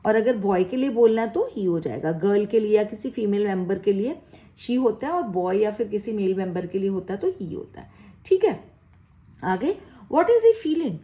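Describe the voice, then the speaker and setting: A woman's voice: mid-range voice, lively intonation, normal speed, warm tone. A woman teaching spoken English, encouraging her learners and repeating example sentences with a questioning tone.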